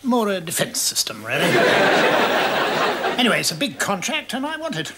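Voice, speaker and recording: A man's voice: high voice, huge pitch swings, moderate pace, very noisy, full character voice. A pompous aristocratic father. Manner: pompous, indignant. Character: blustering upper-class father, greedy businessman. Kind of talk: 1990s studio sitcom acting. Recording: sitcom with studio audience laughter.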